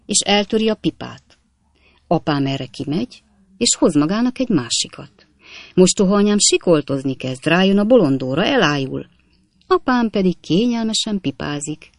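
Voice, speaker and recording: A narrator voicing a cheerful, witty young manservant in an audiobook, chatting in a folksy, gravelly tone. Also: mid-range voice, no room sound, natural voice.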